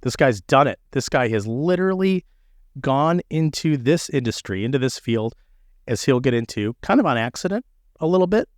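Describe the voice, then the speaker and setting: Brief: male podcast host, playful, lively pitch, dry close recording. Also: moderate pace, no room sound. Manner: playful, joking. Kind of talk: casual podcast chat.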